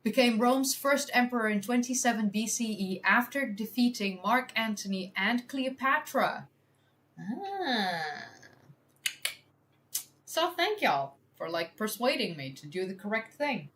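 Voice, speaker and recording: Expressive and unhurried, this fairly high, fairly bright female voice belongs to a Dutch native from the Netherlands doing a history quiz on a casual live stream. She voices her thoughts as she goes, laughs a great deal and jokes at her own expense.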